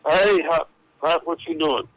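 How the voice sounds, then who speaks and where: A man's voice: a little high, a little slow, no room sound, low-quality recording. An older man, heard through a phone speaker as a caller, joking folksily and reciting bawdy rhymes. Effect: heard over a phone speaker. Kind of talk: casual phone chat, singing bawdy rhymes.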